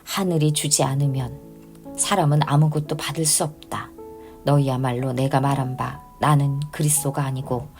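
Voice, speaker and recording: A woman reading the words of John the Baptist as a humble male prophet, measured and plain. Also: very deep voice, steady tone, darkish tone, soft background music. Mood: earnest.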